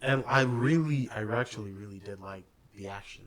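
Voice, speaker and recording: A young man co-hosts a casual podcast chat about games and movies, explaining things thoughtfully and letting fillers trail off. His voice is fairly low and his speed normal, with a crowd audible behind him.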